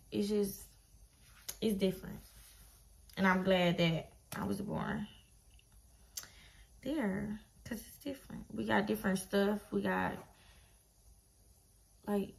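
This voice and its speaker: Speaking in a medium-pitched, gravelly, slightly mellow voice, this vlogger is a twenty-one-year-old woman from Detroit, Michigan, USA. She chats casually to camera in a small bedroom indoors, sounding laid-back, slangy and blunt.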